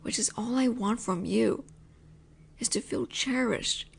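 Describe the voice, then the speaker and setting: Unhurried and gravelly with a breathy edge, a young voice actor performs a teasing, possessive roommate for an intimate roleplay. Her delivery stays low and lingering, now and then slipping to a whisper.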